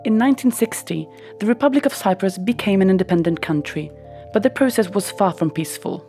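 Female voice-over, mellow, even explanatory narration. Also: medium pitch, fairly quick, faint music behind. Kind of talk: scripted documentary narration.

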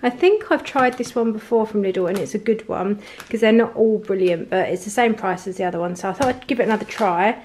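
A family vlogger from England chats casually at her home kitchen table while going through her grocery haul, listing items and prices with plenty of ums and likes. Her mid-range voice is brisk with few pauses, a little mellow, over a slight hiss or hum.

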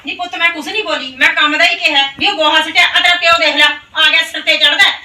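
A woman's voice: extremely high pitch, steady tone, fast, heavily acted. An actress playing a harsh, nagging middle-aged stepmother in a village family drama, scolding and defensive. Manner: scolding, sharp-tongued, defensive. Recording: roomy, distant mic.

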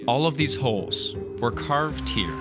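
A man narrating a travel video in a relaxed voice-over, with informal joking asides, over background music. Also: mid-range voice, unhurried.

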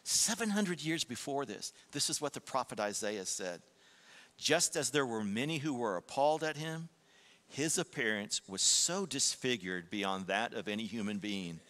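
A male pastor preaching a sermon in a church sanctuary with a bright, forceful voice. He swings from hushed, drawn-out phrases to emphatic bursts, and a long hall reverb trails behind his words. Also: mid-range voice.

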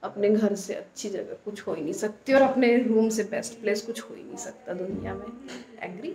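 A woman's voice: medium pitch, brisk, warm tone, poor audio. A young woman vlogging to a phone held at arm's length, chatting directly to viewers and mixing Hindi with English words. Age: young adult. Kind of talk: casual travel vlog to camera. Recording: busy crowd noise behind.

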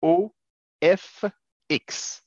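A man's voice: drawn-out words, dry recording, dull audio. A man from Quebec with a Québécois accent, giving an emphatic, chatty webinar presentation to business owners over a video call. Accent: Québécois French. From Quebec, Canada. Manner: emphatic, chatty with informal asides. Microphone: video call webcam.

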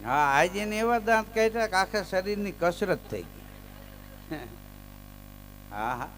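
A man telling folk stories live on stage. He chants verses loudly, then drops into easy chat and lands his punchlines. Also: high voice, lively intonation, takes it slowly, a little hiss or hum. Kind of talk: live folk storytelling with recited verse and jokes.

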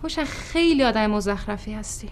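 An actress playing a flustered wife who protests sharply. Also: female voice, medium pitch, lively intonation, slight background noise, lightly acted. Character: flustered wife hiding a divorce.

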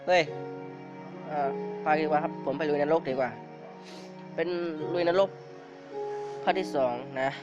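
A man with a cold, short of breath, giving excitable casual commentary on his game as the video's host. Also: a little high, moderate pace, long pauses. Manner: excitable, frequent startled exclamations. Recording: dull lo-fi recording with clear background music.

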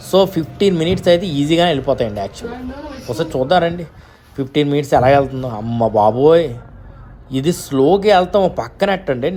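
A man's voice: medium pitch, darkish tone. A young man with a Telugu accent, chatting directly to viewers as he vlogs an outdoor amusement park on an action camera. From India. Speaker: travel vlogger. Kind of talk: casual vlog narration. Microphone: handheld action camera. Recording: noisy outdoor park ambience.

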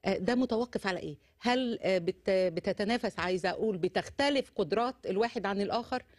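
Middle-aged female host, brisk and encouraging, fast, dry lapel mic. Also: mid-range voice, dry recording. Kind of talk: TV talk show hosting. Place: TV studio.

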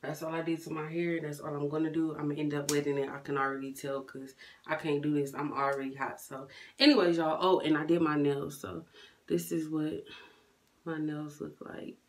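A young woman chats casually with viewers from her car on a hot day, holding her phone camera at arm's length and addressing them as y'all. Her voice is deep and brisk, with little pitch movement and no room sound.

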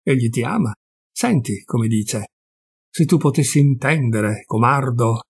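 A man's voice: mid-range voice, expressive, measured pace, breathy edge, no echo. A man reading a bored, mocking young husband in an audiobook of a classic story, in a teasing, condescending way.

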